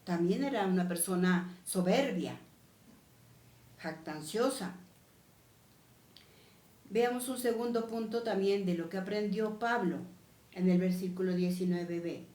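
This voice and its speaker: A woman's voice: mid-range voice, measured pace, pauses often, dark tone, reverberant. A woman preaching a sermon, repeating her key phrases with emphasis. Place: church.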